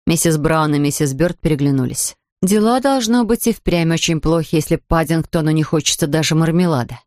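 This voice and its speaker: A woman reading a children's storybook aloud in an expressive way, doing voices for the characters. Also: sits low, fairly quick, no room sound, clean studio sound. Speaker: narrator.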